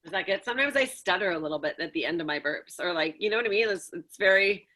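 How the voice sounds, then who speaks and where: Chatty woman with a bright, sharp voice. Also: fairly low pitch, expressive, quick pace. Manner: chatty, jokey and crude. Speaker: contestant. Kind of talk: casual chat.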